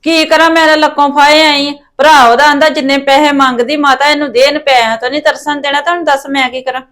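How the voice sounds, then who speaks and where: A woman's voice: high-pitched, steady tone, fast talker, fairly bright tone. A woman with a Punjabi accent playing a nagging, scolding mother in a family drama. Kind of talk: rural family drama acting.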